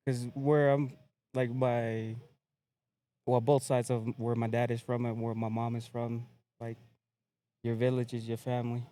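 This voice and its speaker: A man's voice: mid-range voice, little pitch movement, a little slow, pauses often, warm tone. Laid-back young man from American Samoa. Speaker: podcast guest. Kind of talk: casual chat.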